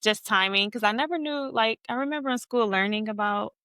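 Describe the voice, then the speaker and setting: A woman's voice: fairly high pitch, fairly quick, sharp tone, smooth, dry recording. A woman guest on a podcast, candidly and reflectively telling her own story. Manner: candid, reflective, light laughs. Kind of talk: personal storytelling interview.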